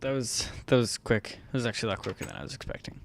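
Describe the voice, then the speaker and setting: Rapid-fire and full of big pitch swings, a young man's medium-pitched voice with vocal fry drives his gaming video commentary. He's a chatty host who rambles and corrects himself mid-sentence, recording on a desktop mic in a home room where a fan runs faintly.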